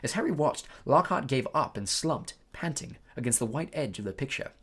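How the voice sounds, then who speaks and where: An audiobook reader narrating a story with a lively, animated pitch. The voice is a little husky. Small slips and fillers show through. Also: normal speed.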